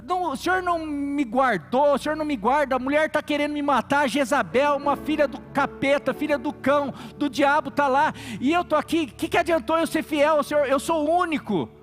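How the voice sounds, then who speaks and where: A man's voice: extremely high pitch, a little fast, few pauses, soft background music, voice pushed up. A man voicing a self-pitying male biblical prophet who complains with emphasis, in a sermon. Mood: indignant.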